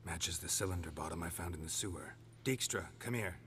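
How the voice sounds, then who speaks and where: An actor playing a stoic, sardonic middle-aged monster hunter, terse and deadpan, in a gravelly, hushed voice. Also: male voice, low voice, a little fast, slight background noise.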